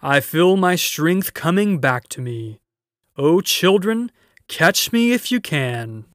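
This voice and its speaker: Man voicing a great, booming noble lion. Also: expressive, takes it slowly, dry recording, studio quality. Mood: exultant. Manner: grand, solemn, emphatic delivery. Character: great noble male lion, majestic and joyful. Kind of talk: storybook character voice.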